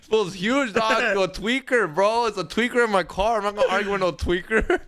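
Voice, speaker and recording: Young male podcast co-host, bright, slightly high voice, slangy, profane, animated storytelling. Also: normal speed. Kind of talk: casual storytelling.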